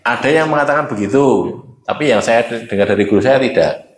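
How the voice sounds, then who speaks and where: A man's voice: mid-range voice, brisk, echoey room. A man with a Javanese accent teaching Quran reading at a religious study, explaining patiently and chanting letters aloud. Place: mosque.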